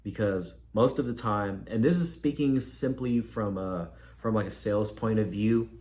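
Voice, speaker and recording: Laid-back man with a low voice. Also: moderate pace, a little mellow. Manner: conversational, loose, with filler and repeats. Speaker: vlogger giving career advice. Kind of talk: casual talk to camera. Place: at home, with laundry machine nearby.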